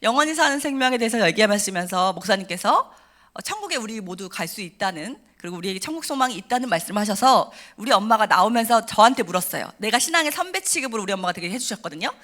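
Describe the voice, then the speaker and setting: Lively fast-talking woman giving testimony. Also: mid-range voice. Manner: animated storytelling, acting out quoted voices and shouting. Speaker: testimony speaker at a church service. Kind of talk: emotional personal testimony. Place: church sanctuary.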